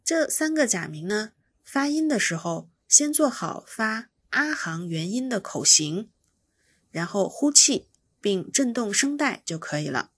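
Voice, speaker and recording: A woman teaches pronunciation at an unhurried, careful pace. Her voice is slightly husky and sits in an ordinary middle register. She patiently explains each sound, then repeats it for the learner. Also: mid-range voice, big pitch swings, fairly bright tone, no echo. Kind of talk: slow instructional explanation.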